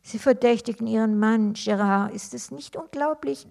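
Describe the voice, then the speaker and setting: A woman's voice: on the high side, moderate pace, vocal fry, a little mellow. A woman reading aloud, voicing a grieving young woman who breaks bad news with indignation. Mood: upset.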